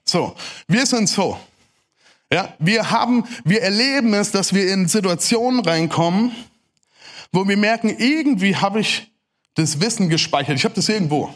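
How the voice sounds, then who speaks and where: Fast-talking German man, high voice. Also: animated, a bit bright. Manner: fast-talking, addresses the audience directly. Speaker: preacher. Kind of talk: lively sermon talk to a crowd.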